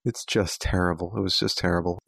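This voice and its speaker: A man's voice: low voice, level tone, a little fast, gravelly, fairly bright tone, breathy edge, no echo, clean studio sound. A man co-hosting a podcast, giving blunt critical opinions in casual chat.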